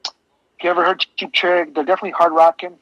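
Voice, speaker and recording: A man's voice: sits high, little pitch movement, quick pace, fairly bright tone, no room sound. A man co-hosting a podcast, talking casually and eagerly about albums, rambling and restarting his sentences. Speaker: podcast co-host. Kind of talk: casual music discussion. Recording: dull lo-fi podcast audio.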